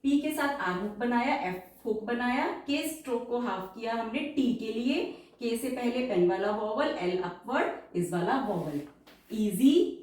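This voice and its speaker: A woman teaching shorthand, dictating words slowly and repeating each one before explaining how it is written. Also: fairly high pitch, a little mellow. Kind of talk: slow dictation and stroke-by-stroke explanation. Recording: echoey room, voice distant from the mic.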